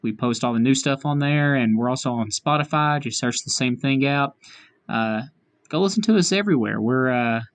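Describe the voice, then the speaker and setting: A man's voice: mid-range voice, normal speed. A man hosting a casual chat podcast in a small room, joking and plugging the show. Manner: jokey, wraps up with plugs. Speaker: podcast host.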